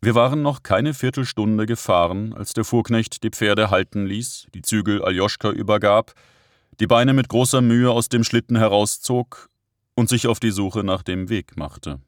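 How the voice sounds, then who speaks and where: A man narrating an audiobook in a steady, measured reading. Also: on the low side, dry recording, studio quality.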